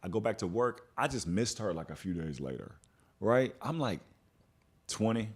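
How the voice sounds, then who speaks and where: A man's voice: fairly low pitch, moderate pace, husky. A young adult man from Texas hosting a podcast, in casual chat and telling stories with acted-out quotes. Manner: animated storytelling, acts out quotes. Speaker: podcast host.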